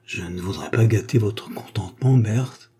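A man reading the part of a grave, restrained gentleman of fifty who is quietly devoted to an old friend. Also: mid-range voice, a little slow, breathy edge. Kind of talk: audiobook reading of a short story.

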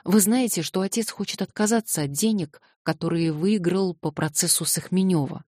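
A woman voicing an excitable, naive young man who protests plaintively, reading an audiobook. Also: fairly low pitch, moderate pace, dry recording, studio quality, lightly acted. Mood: earnest.

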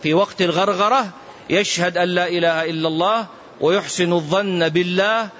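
Man, religious teacher, commentary lesson, fervent emphatic delivery, high voice, faint background hiss. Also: fairly even intonation, brisk, a bit bright, lo-fi sound. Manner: impassioned, emphatic warnings addressed to the listener. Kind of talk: classroom commentary on prophetic tradition.

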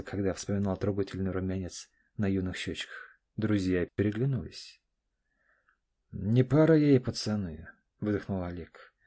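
A man narrating an audiobook in a measured, even storytelling manner. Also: lowish voice. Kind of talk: scripted narration.

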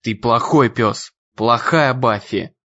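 A man voicing a stern, formal old gentleman who speaks slowly and strictly in an audiobook. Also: mid-range voice, muffled recording, pitched below the performer's own voice. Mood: stern calm. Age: over 60. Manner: slow, measured and strict.

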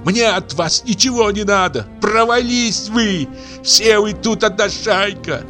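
A man's voice: sits high, unhurried, bright, forceful tone, soft background music, voice pushed up. A male reader voicing a furious young peasant woman who screams and sobs with rage in an audiobook. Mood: shouting.

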